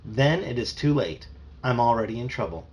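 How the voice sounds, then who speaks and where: A man reading a children's novel aloud with an expressive delivery. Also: medium pitch, moderate pace. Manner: animated, expressive. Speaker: storybook reader.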